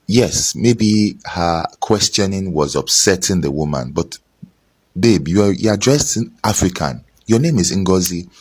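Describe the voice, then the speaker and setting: A man's voice: low voice, expressive, a little slow, husky. A young man bluntly scolding his audience on camera indoors, using an earphone mic. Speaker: commentator. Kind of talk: opinionated rant to camera. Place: indoors, small room. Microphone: wired earphone mic.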